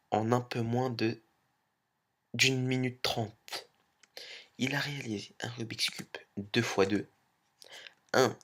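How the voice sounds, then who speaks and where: A man hosts a countdown video in a slow, unhurried way. His voice is husky and slightly breathy. He chats with lots of small fillers and often sinks to a near-whisper. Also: on the low side, a bit bright. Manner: chatty, full of 'hein' and 'donc' fillers, often sinks into a whisper. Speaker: YouTube countdown host. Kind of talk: casual countdown narration.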